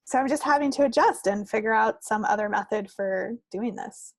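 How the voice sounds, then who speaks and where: In a relaxed podcast conversation about knitting, a woman co-host rambles along in a self-deprecating way. She speaks at a normal speed in a gravelly, mid-range voice, with no echo on the recording.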